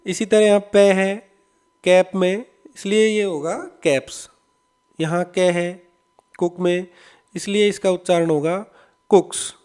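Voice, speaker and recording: A man, teaching an English lesson to schoolchildren and patiently repeating words slowly. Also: high voice, flat delivery, a little mellow, smooth. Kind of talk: explaining an English lesson in Hindi.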